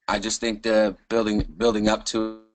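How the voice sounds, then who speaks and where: A man's voice: fairly low pitch, completely flat delivery, normal speed. Man on a choppy call, audio cutting out. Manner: hesitant, many fillers and restarts. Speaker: student giving peer feedback. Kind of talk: casual spoken feedback in an online class. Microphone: video call.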